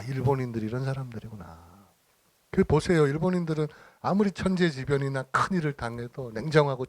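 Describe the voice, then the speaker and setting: A man's voice: mid-range voice, no echo. A middle-aged man giving an informal lecture, telling anecdotes with acted-out dialogue and frequent laughter. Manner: chatty storytelling, acting out dialogue, frequent laughter. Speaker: lecturer and church minister.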